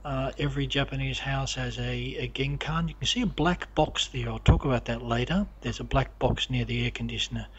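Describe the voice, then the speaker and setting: A man walking through his home with a camera, narrating the rooms in a halting, casual way full of fillers and restarts. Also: mid-range voice, highs cut off, slight background noise. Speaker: homeowner giving a house tour. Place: inside a house, walking room to room.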